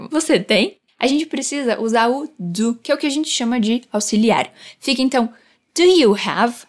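A young Brazilian woman with a fairly high voice teaches English phrases. She switches between quick explanations and slow, careful repetitions for students to copy, in a lively teacher's manner. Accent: Brazilian Portuguese. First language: Portuguese. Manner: lively, repeats phrases slowly for practice. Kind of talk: language lesson with drills.

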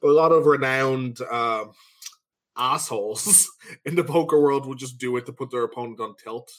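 A man's voice: medium pitch, normal speed. A man co-hosting a casual podcast chat, joking and laughing as he talks. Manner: joking, laughs often, playful mock shouting. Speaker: podcast co-host.

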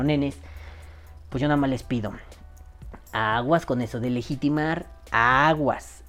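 A man with a Mexican accent hosting a podcast, with crude, joking, slang-filled banter and a voice kept down. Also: mid-range voice. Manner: keeping his voice down. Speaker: podcast host. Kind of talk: casual podcast chat.

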